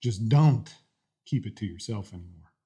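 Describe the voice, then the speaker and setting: A man speaking earnestly and deliberately in short phrases, as a vlogger giving a faith-based motivational talk. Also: fairly low pitch, lively intonation, dark tone, slight background noise. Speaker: host of a daily challenge vlog.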